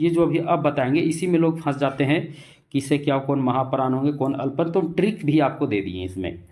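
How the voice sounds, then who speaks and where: A man teaching an exam-prep grammar lesson, speaking slowly and repetitively, asking questions and answering them himself, and drawing out letter sounds as examples. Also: fairly high pitch, darkish tone. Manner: slow and repetitive, keeps asking and answering his own questions; stretches out letter sounds when demonstrating.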